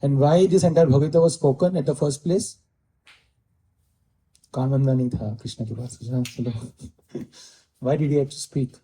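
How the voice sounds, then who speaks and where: A man's voice: mid-range voice, steady tone, very fast, long pauses, mellow, poor audio. A man with an Indian English accent giving a scripture lecture, repeating key phrases and slipping into Hindi. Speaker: spiritual teacher giving scripture class.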